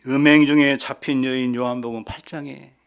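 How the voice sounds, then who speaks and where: A man in his fifties, a pastor delivering a sermon, moving between hushed asides and loud, emphatic preaching. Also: mid-range voice, fairly even intonation, fast talker, clean tone, highs cut off. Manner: acts out quoted lines softly.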